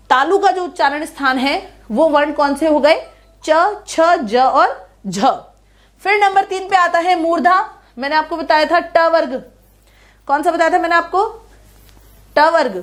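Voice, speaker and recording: A young woman teaching an online class in a high, clear voice. She says each sound slowly, one at a time, and keeps asking her students whether it makes sense. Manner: explains patiently, checks understanding with repeated questions. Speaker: online tutor. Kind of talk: classroom grammar lesson.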